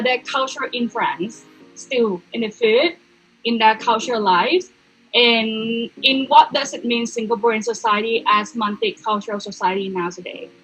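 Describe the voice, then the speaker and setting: A woman's voice: a little high, a bit bright, slightly rough, rough recording. A woman giving an explanatory presentation as a student.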